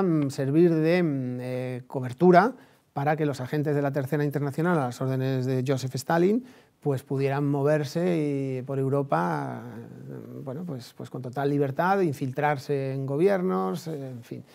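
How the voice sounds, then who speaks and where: Speaking in a mid-range, slightly mellow voice with vocal fry, a man from Spain with a Spanish accent talks casually about history and politics. He rambles and halts, circling back to repeat phrases and tacking on tag questions.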